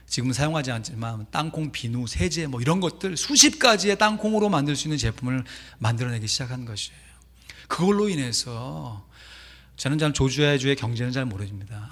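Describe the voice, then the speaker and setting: A man pastor preaching a sermon in a church, telling a story animatedly with sudden emphatic rises. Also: mid-range voice. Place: church sanctuary. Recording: long church reverb.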